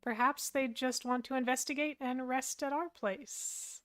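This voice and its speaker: A woman narrating a story in first person, in a reflective, even-paced way. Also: high-pitched, unhurried.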